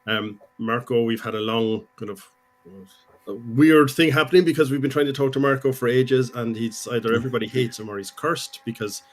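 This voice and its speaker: Male host, relaxed hesitant manner, casual chat over a call mic. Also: mid-range voice, fairly quick.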